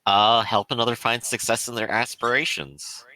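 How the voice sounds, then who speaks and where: A man's voice: mid-range voice, level tone, moderate pace, noisy background. A man playing a tabletop game, making brief, laid-back remarks. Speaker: player. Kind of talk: casual tabletop game talk.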